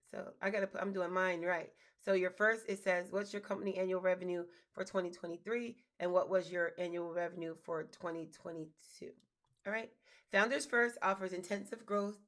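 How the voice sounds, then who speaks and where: A woman's voice: medium pitch, a bit bright. A chatty woman with a slightly scratchy voice. She talks casually to her viewers as she goes through an application. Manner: chatty, addresses viewers as y'all and guys. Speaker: business grants host. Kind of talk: casual screen-share walkthrough.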